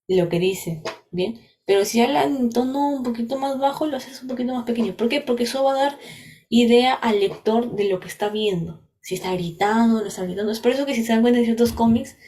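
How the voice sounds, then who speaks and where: Here a young Peruvian Spanish-accented woman instructs a workshop, her voice mid-range and dark in tone. Her teaching goes one step at a time, with frequent checks on whether listeners understand.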